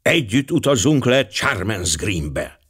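A man's voice: lowish voice, very animated, fairly bright tone, slightly rough, heavily acted. Man voicing Hercule Poirot, a pompous detective. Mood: brisk. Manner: pompous, musing, drops French words. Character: fussy, vain older male Belgian detective.

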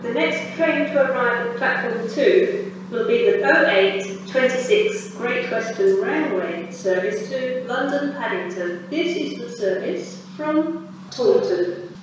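A woman's prerecorded announcement voice, with spliced-together words in measured, evenly clipped phrasing, heard over station loudspeakers on a railway platform. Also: on the high side, expressive, roomy sound, noisy background. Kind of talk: automated public address announcements. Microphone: heard through station loudspeakers. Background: station ambience.

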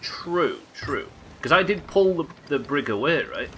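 With lively intonation, this British game streamer in his thirties speaks a little slowly in a slightly high, fairly bright voice. He rambles, curses and questions himself as he chats to viewers from a small indoor streaming room. Soft music plays in the background.

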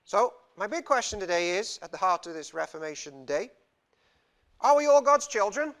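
Recorded on a lapel mic in a small church hall, a young Welsh visiting preacher delivers a relaxed, self-mocking sermon, gesturing freely. He speaks at a moderate pace in a high, expressive voice with a fairly bright tone.

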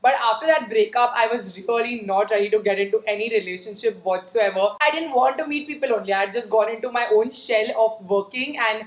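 A woman's voice: fairly high pitch, a little fast, hardly any pauses, reverberant, low-quality recording. A young woman with an Indian accent, chatting casually on camera as a beauty and lifestyle vlogger while she eats. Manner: chatty, mixes Hindi and English.

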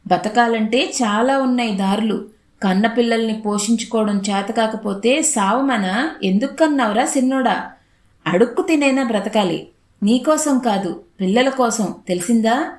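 A blunt older working-class man voiced by a woman reading the story aloud scolds in rough, colloquial village speech. The voice sits a little high. It is recorded in an echoey room. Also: normal speed, darkish tone, natural voice. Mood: scolding.

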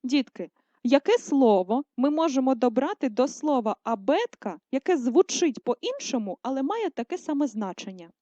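A woman teacher giving a video lesson to first graders, speaking slowly and carefully and drawing out words to stress them. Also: high-pitched, sing-song, dark tone, no room sound. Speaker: primary school teacher. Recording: dull lo-fi sound.

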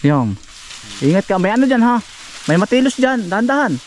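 A man's voice: high-pitched, very animated, fairly quick, slight background noise. A man vlogging outdoors in rural woodland, chatting casually and coaxing and cautioning someone as he goes. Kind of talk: casual outdoor vlog narration.

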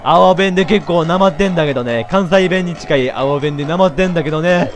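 A man's voice: fairly high pitch, brisk. A man casually commenting while playing a horror game, chatty and laughing often, with a regional dialect in his speech. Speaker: VTuber game streamer. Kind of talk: let's play commentary. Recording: game music behind.

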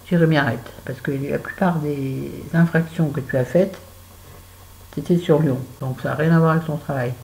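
Gravelly-voiced middle-aged woman chatting. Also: low-pitched, steady tone, normal speed, dark tone, poor audio. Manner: chatty, exasperated storytelling with sighs and asides. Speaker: make-up vlogger. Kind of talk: casual chit-chat while doing make-up.

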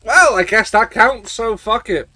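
A man's voice: sits high, expressive, measured pace, bright, forceful tone, dry recording. A man streaming a video game, swearing and rambling as he gets tipsy from shots. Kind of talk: casual gameplay commentary.

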